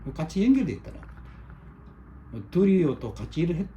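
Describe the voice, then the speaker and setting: A man's voice: high voice, big pitch swings, brisk, dark tone, lo-fi sound, a little hiss or hum. A middle-aged man explaining a chart in a monologue, pointing item by item and repeating himself emphatically. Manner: repetitive, pointing with short demonstratives, emphatic. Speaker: online commentator.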